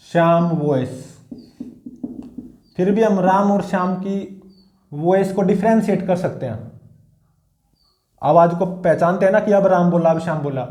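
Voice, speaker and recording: A man's voice: high voice, dark tone, roomy sound. A man teaching physics in a classroom-style lecture. He repeats his points and keeps checking in with his students.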